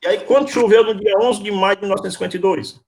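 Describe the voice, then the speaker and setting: A man's voice: sits high, fairly even intonation, very fast, gravelly, darkish tone. A man teaching a university class over a video call. He quizzes his students, calls on them by name and repeats his questions patiently. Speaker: university lecturer.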